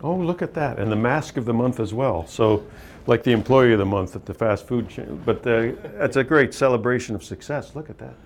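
A man co-hosting a casual on-location interview, with a gravelly voice and hallway echo. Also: mid-range voice, a little fast, a little hiss or hum. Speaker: co-host and interviewer. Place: indoor school hallway.

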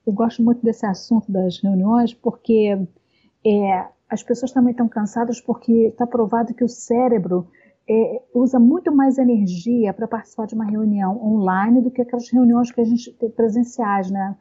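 A woman talking at length in a casual conversation, explaining points slowly with many fillers and pauses. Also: a little high, steady tone, dark tone, slightly rough, lo-fi sound. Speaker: guest speaker on communication.

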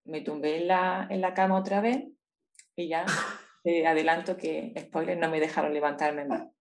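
Being interviewed as a guest, a woman with a Spanish accent from Spain shares a personal story. Her slightly low voice keeps fairly even intonation at a normal speed, yet her telling stays intense and emotional throughout.

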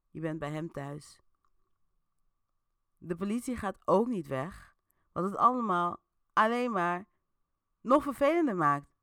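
A chatty woman hosts an interactive story and narrates it with playful asides and plenty of fillers. Her voice is fairly low yet bright and sharp. It sounds dry and close to the mic. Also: no room sound. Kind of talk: casual storytelling with audience votes.

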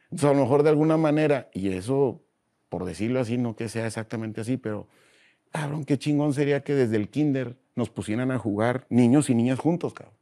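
Slangy Mexican man with a mellow voice. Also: medium pitch, a little fast. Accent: Mexican Spanish. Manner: slangy, animated storyteller, acts out voices. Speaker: guest. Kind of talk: casual interview chat.

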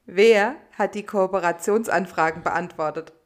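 A woman's voice: mid-range voice, moderate pace. A woman co-hosting a podcast, chatting casually and cutting in with dry, teasing remarks. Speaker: podcast co-host. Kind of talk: casual chat.

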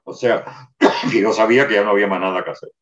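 A man's voice: lowish voice, fast, fairly bright tone. An older man giving a detailed first-person account in an interview, with frequent restarts. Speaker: interviewee recounting a wartime memory. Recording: roomy, distant, dull sound.

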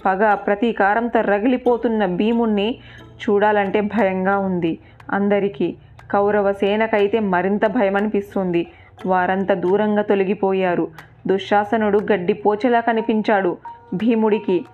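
A woman telling an epic tale with dramatic, vivid delivery and a middle-pitched voice. Her voice comes through thin and tinny, like a phone line, with soft music underneath. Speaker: storyteller. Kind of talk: serialized epic story narration.

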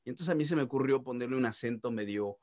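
A middle-aged man, a voice actor telling stories in an interview, animated and full of sound-effect interjections. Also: mid-range voice, fast talker, no room sound, studio quality. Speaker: voice actor guest. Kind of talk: casual interview storytelling.

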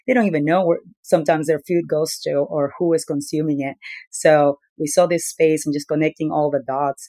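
A woman talks through her career and business as a podcast guest. Her delivery is steady and explanatory, with little rise and fall in pitch. The sound is dry, with no room echo. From Peru. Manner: explanatory, steady, with occasional fillers. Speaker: company founder as guest. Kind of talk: conversational interview answers.

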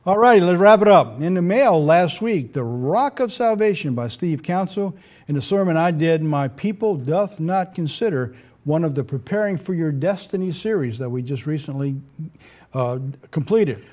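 A man's voice: on the high side, animated, moderate pace, darkish tone. A man hosting a religious program, presenting and preaching informally to viewers with emphatic delivery.

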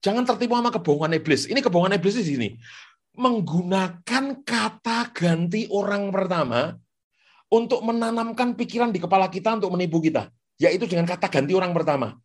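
A male pastor preaching a sermon on the radio in an animated way, repeating phrases for emphasis. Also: high voice, fairly quick. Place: radio studio.

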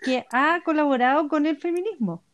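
A woman with a Chilean accent in a casual conversation, low-key and understated. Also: normal speed.

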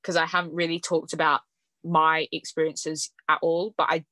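Chatty low-voiced woman podcast host. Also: little pitch movement, normal speed, pushed and bright, no echo. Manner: chatty, fillers like "like" and "um", laughs often. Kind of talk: casual conversational podcast chat.

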